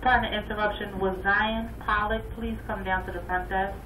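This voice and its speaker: A woman making a polite, soft-spoken paging announcement over a school loudspeaker, heard in a classroom. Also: mid-range voice, fairly even intonation, a little fast. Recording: distant echoey loudspeaker with room noise.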